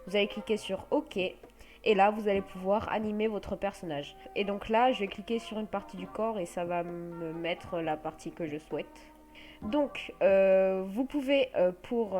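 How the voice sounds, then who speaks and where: A woman with a French accent hosting a casual software tutorial, explaining step by step with many hesitant fillers. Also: medium pitch. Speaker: tutorial host.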